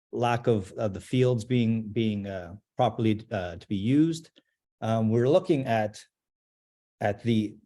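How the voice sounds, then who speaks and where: Man from portugal, soccer association president, halting speech, many restarts, mellow warm tone, video call. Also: lowish voice. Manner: halting, searching for words, frequent restarts. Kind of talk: speaking remarks on a video call.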